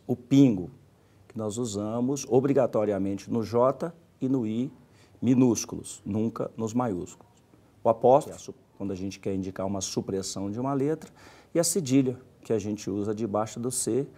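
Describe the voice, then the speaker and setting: A man's voice: lowish voice, mellow, breathy edge. A middle-aged man teaching a scripted grammar lesson, stressing each example word with care. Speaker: Portuguese language teacher.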